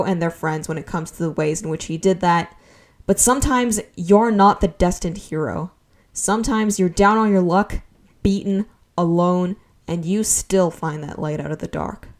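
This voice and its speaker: A mellow, medium-pitched woman in her twenties narrates a personal video essay as the channel's host. She sounds earnest and sentimental, breaking in now and then with wry, self-deprecating asides.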